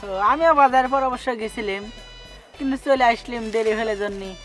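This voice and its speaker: A man's voice: very high-pitched, moderate pace, a bit bright, soft background music. A man with a rural Pabna Bengali accent playing a blunt, crude son-in-law.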